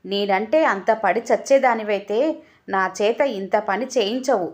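A woman's voice: mid-range voice, moderate pace, a little mellow, lightly acted. A woman voicing a sulky, put-upon husband in an audio story, grumbling and sarcastic.

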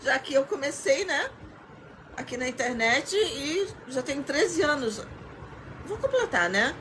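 Lively high-voiced woman hosting a live stream. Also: unhurried, slight background noise, poor audio. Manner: exclamatory, thanks viewers by name. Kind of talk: casual live stream chat.

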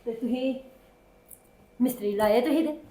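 A woman with a Punjabi accent playing a sly neighbour in a short film, talking quickly and repeating her denials. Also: fairly high pitch, warm tone, natural voice. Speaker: neighbour Sukhwinder.

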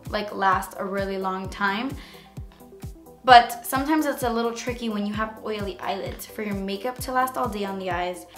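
A woman with a raspy voice today, casually talking through a makeup tutorial in a chatty way full of fillers. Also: mid-range voice, bright, forceful tone, echoey room. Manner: chatty, filler-heavy, frequent "like". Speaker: beauty vlogger.

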